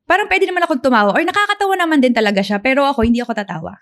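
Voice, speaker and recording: Soft-spoken reserved young woman. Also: high voice, animated, racing. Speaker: podcast co-host. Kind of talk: casual chat.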